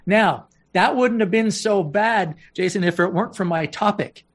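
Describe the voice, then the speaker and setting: Male guest speaker, high-pitched, anecdotal storyteller with comic timing. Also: moderate pace. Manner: anecdotal, punchline-driven, laughs easily. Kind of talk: storytelling interview talk.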